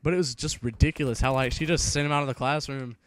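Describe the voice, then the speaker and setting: This gaming vlogger, in his late teens, talks fast in a mid-range voice with fairly even intonation as he rambles through a profane school story over gameplay. He keeps it casual and restarts often, and the recording has no echo.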